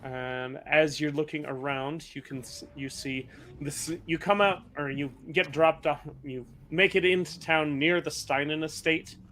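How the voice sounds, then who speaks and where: A man narrates a tabletop role-playing game as its game master. His voice sits a little high. He describes each scene at length, pausing on fillers and fixing his words as he goes. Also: steady tone, a bit bright. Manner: descriptive, with frequent fillers and self-corrections.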